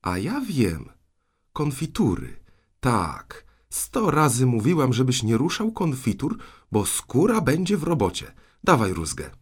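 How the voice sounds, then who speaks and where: A man voicing a scolding but soft-hearted elderly aunt in an audiobook, exclaiming and fretting. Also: on the low side, big pitch swings, a little slow.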